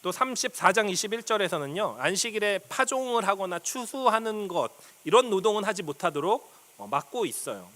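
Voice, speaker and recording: Lively, animated male preacher. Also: sits high, brisk, hardly any pauses. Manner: explanatory, teacherly, with frequent hesitation fillers; reads scripture aloud and acts out quoted speech. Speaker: pastor. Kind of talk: sermon.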